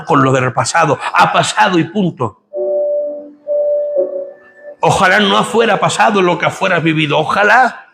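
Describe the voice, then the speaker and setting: Gravelly preaching man over music. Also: on the high side. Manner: preaching with rising intensity and rhetorical questions. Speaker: pastor. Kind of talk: sermon.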